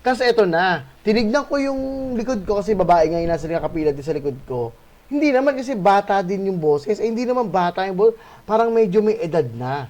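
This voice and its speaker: A male host telling a spooky encounter in a casual, animated way, swearing and adding tag questions. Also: sits high, fairly quick. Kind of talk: casual storytelling of a ghost encounter.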